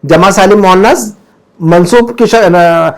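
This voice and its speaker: High-pitched male teacher, patient, asks again and again, home class. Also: slow pace. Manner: patient, drills word endings with repeated questions. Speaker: Arabic teacher. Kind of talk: grammar class.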